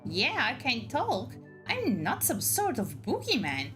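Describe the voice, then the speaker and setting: A woman voicing a small, cheeky male moth creature from a game, with a squeaky, pixie-like voice and an impish, defensive manner. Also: wildly swooping pitch, slow, over music, heavily acted. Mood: indignant, cheeky.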